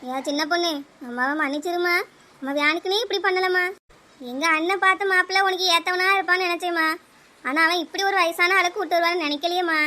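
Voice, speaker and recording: A woman voicing a gentle village mother in a cartoon, with a Kanyakumari Tamil accent. She speaks softly and pleads with her daughter. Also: very high-pitched, steady tone, quick pace. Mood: pleading. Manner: pleading, soft.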